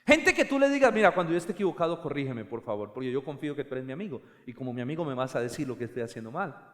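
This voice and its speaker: A middle-aged man preaching a sermon as pastor, swinging from hushed low passages to loud, high, fervent bursts. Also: sing-song, racing. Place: church. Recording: long hall reverb.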